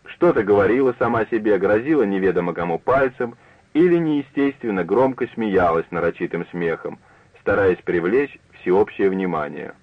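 A man narrating a literary story for radio in a measured, unhurried manner. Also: on the low side, expressive, dry recording. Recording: narrow phone-like dry broadcast.

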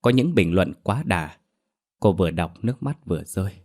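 Male horror narrator, low-pitched, steady and even. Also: normal speed. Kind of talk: scripted horror story narration.

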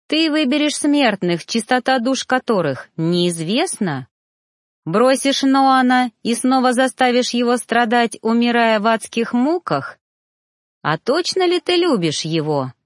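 A woman's voice: fairly high pitch, sing-song, unhurried, dry recording, studio quality, pitched above the performer's own voice. A woman doing a stern, cold old elder man. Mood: mocking.

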